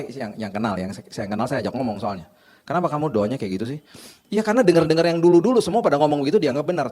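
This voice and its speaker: A man's voice: fairly high pitch, a little mellow. A man preaching a casual, chatty sermon, telling stories and acting out conversations. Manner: chatty storytelling, acts out dialogue. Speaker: pastor.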